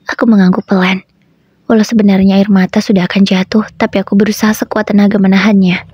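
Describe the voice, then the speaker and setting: A woman with a husky voice narrating a first-person story in a plain, steady way. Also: mid-range voice, fast, no room sound, muffled recording.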